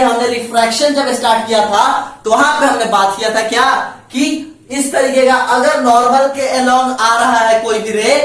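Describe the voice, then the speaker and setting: A man's voice: very high voice, fairly bright tone. Male physics lecturer, mixes in English terms, repeats rules, recorded far from the mic in a very echoey classroom. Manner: asks and answers his own questions, repeats key points; mixes Hindi with English phrases. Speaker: physics teacher. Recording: very echoey room, mic set back.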